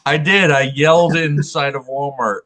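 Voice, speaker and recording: A man's voice: a little high, steady tone, moderate pace, fairly bright tone. A man co-hosting a casual chat, telling stories with enthusiasm. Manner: enthusiastic storyteller. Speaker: co-host.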